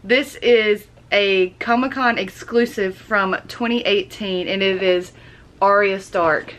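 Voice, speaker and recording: A young woman chatting excitedly through a casual unboxing vlog at home. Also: mid-range voice. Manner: chatty and excitable, quick gasps of delight. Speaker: YouTuber.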